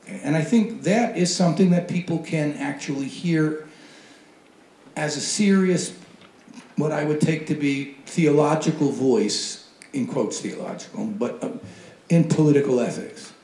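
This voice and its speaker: A man's voice: a little high, unhurried, mellow. A man giving a wry, conversational talk on a panel, acting out quoted voices in asides. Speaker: panel speaker. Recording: roomy hall recording.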